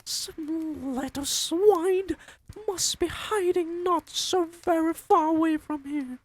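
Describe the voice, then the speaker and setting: A man voicing a crowd of alarmed female witches in a piercing falsetto, reading a storybook aloud. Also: slow. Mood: shrieking alarm. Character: shrieking, screeching chorus of female witches.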